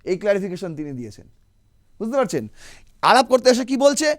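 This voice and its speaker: A man's voice: high voice, sing-song, fairly quick. A man giving emphatic political commentary, full of rhetorical questions and sarcasm.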